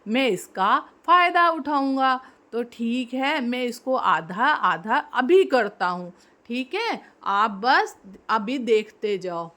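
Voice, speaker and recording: A woman's voice: fairly high pitch, sing-song, takes it slowly, sharp tone, full character voice. A woman voicing a sly, greedy male monkey who tricks two cats, in a smug, coaxing storybook voice.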